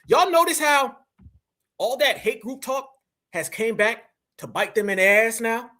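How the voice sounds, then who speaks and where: Male stream host, very high and bright, combative and preachy, rallying his audience. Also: unhurried. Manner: combative, preachy, addresses the audience as family and y'all. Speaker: livestream host. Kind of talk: political commentary livestream.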